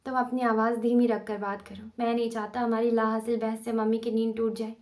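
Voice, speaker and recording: A woman voicing a young husband in a storybook reading, clipped and self-justifying, sitting a little high and staying on a narrow, level pitch. The delivery is sober and controlled rather than loud. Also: little pitch movement, close to an everyday voice. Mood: defensive. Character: young husband, tense and defensive.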